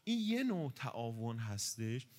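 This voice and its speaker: Brief: male lecturer, mid-pitched voice, casual religious talk, asks and answers his own questions. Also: sing-song, darkish tone. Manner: explanatory, poses rhetorical questions and answers them.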